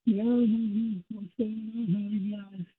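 A man's voice: high voice, flat delivery, slow pace, breathy edge. A man calling into a radio show in a laid-back, casual chat, heard over a muffled phone line through bluetooth earbuds. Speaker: radio call-in caller.

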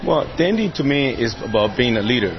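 A man from Liberia speaks in an interview in a proud, measured way. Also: medium pitch, very animated, dull audio.

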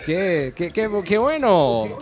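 A man's voice: sits high, very animated, slow pace, crowd noise. A Honduran man hosting a live radio call-in show, greeting callers in a friendly, chatty way. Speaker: radio host.

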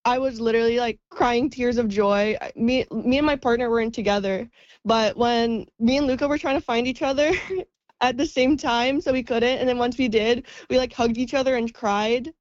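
A woman's voice: a little high, steady tone, normal speed, a little mellow, no echo. A young woman, a student, chatting in a radio interview and filling her talk with "like". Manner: chatty, laughs between words, says "like" a lot. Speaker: journalism student. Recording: dry, dull lo-fi sound.

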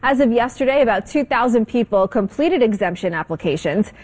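A woman news anchor reading a scripted report in a crisp, even way. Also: fairly high pitch, brisk.

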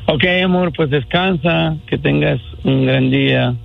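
A man's voice: a little high, unhurried, vocal fry, phone-quality sound, soft background music. A man calling his fiancée on air, easygoing and sweet-talking, a bit hesitant. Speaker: radio caller pranking his fiancée. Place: radio studio.

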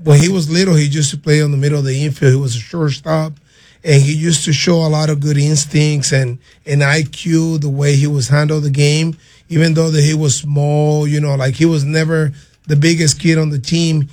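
Middle-aged man, halting. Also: on the high side, level tone, a little mellow. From Venezuela. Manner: halting, repeats words, earnest. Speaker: guest, player's father. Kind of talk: interview answers.

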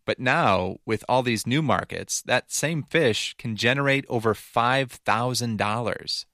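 A man's voice: medium pitch, unhurried, pushed and bright, no echo, studio quality. A man narrating a scripted news feature in a conversational, explanatory way. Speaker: reporter narrating.

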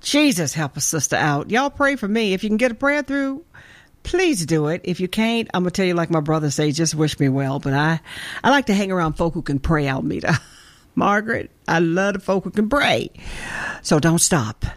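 A woman's voice: fairly low pitch, lively intonation, normal speed. A woman with an Arkansas Southern accent hosting gospel radio in casual, folksy, exclamatory chat, speaking straight to her listeners.

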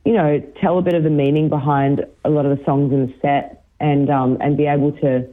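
A young Australian woman from Brisbane, a musician, talking excitedly in a radio interview, often restarting and giggling. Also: low-pitched, brisk. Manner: bubbly, giggly, many restarts. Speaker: musician guest. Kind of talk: phone interview on breakfast radio. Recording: tinny phone line.

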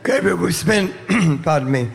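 A man with a fairly high voice hosts live community radio from a festival. He asks questions and gets the listeners excited with real enthusiasm. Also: unhurried, gravelly. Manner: enthusiastic, hyping the audience. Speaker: radio presenter. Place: outdoor festival live broadcast.

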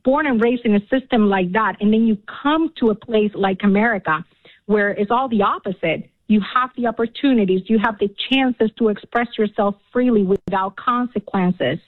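A woman's voice: mid-range voice, moderate pace. A woman from Cuba, a radio show guest, talking earnestly and passionately with many fillers. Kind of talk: radio interview. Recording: tinny phone line.

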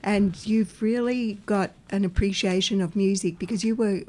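A woman's voice: medium pitch, steady tone, moderate pace, a little mellow. A woman hosting a radio interview in a friendly, encouraging way, at times reading a prepared introduction. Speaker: radio host.

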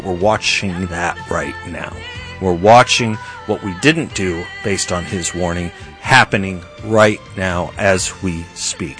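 A man's voice: mid-range voice, fairly bright tone. A middle-aged man hosting a political talk show, speaking emphatically and rising to indignant outbursts. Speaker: host.

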